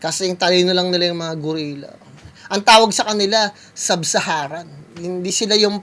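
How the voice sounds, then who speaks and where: A man with a bright, forward tone chats loosely with his audience as he reacts to a clip. He rambles, repeats himself, and keeps calling his viewers guys. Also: high-pitched, a little fast. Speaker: music producer reacting to a video. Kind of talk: casual reaction commentary. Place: California.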